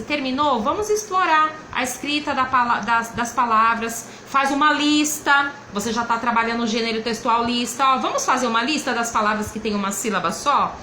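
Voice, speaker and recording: A woman's voice: high-pitched, sharp tone, roomy sound, slight background noise, rough recording. A woman literacy teacher with a Brazilian Portuguese accent, explaining classroom activities step by step. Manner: explains step by step, sometimes acting out prompts to a child. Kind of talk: instructional explanation.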